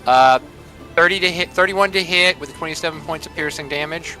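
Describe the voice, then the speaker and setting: A man taking his turn in an online tabletop game, chatty and swearing as he lays out his moves. His voice is bright and sits fairly high. Faint music plays underneath. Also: brisk. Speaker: player. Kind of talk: casual game chat. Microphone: online voice chat.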